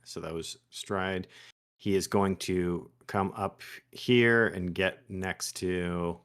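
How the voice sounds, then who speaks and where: Male game player with a low voice, casually describing his character's actions. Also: steady tone, slow pace, a bit bright, smooth.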